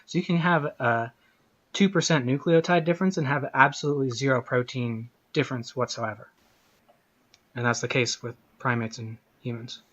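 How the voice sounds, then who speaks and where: A man's voice: mid-range voice, steady tone, normal speed, fairly bright tone. Technical-minded man, dull lo-fi audio. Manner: technical, explanatory. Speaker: debater. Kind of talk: debate Q&A answer. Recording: dull lo-fi sound.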